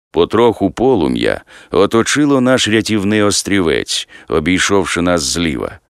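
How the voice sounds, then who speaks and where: A man narrating an audiobook in a steady, measured reading. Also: low voice, smooth, no room sound, studio quality.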